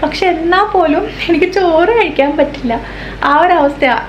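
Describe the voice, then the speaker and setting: A woman vlogger and mother chatting to the camera at home in a relaxed, chatty way. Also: very high voice, normal speed. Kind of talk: casual chat to camera at home. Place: room at home. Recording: echoey home room with faint hiss.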